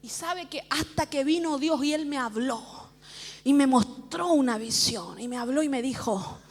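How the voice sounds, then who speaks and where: A middle-aged woman pastor giving a lively personal testimony in church, often laughing at herself as she tells it. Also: sits high, moderate pace. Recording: long church hall reverb.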